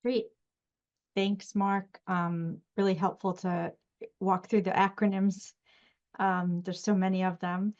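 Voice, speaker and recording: A woman's voice: medium pitch, level tone, slow pace, a little mellow. A woman hosting a webinar as moderator, handing over between presenters. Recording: dull, band-limited audio.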